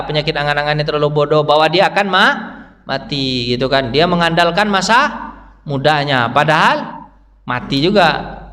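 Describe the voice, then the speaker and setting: Man teaching in an echoing mosque. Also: fairly bright tone. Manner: quizzes the congregation, answers himself; pitch swings up high to stress a point. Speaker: ustadz teaching a dawn study circle. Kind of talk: interactive mosque lecture. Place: mosque hall. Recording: reverberant hall sound.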